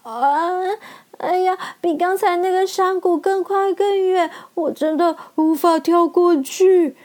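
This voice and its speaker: A woman's voice: high-pitched, slow, a little mellow, voice pushed up. A woman voicing a timid, cowardly male lion who stammers and whimpers with fright in a storybook reading. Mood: panicked.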